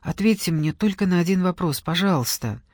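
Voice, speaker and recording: Hesitant, grieving young woman, polite and soft, voiced by a male reader. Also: high-pitched, expressive, brisk, dry recording, clean studio sound. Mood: pleading.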